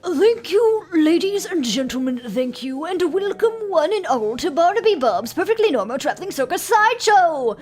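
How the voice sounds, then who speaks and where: A woman's voice: extremely high pitch, sing-song, moderate pace, few pauses, darkish tone, faint music behind, voice pushed up. A woman voicing a flamboyant male circus clown, a showy knife-throwing ringmaster, in a grand theatrical showman's manner while reading a video game aloud.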